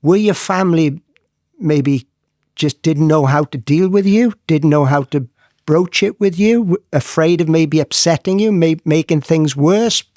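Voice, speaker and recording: A middle-aged man with a Welsh Valleys accent, interviewing reflectively in a halting, tentative way with repeated words. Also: a little high, a little mellow, dry recording, studio quality. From south Wales valleys. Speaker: interviewer, host.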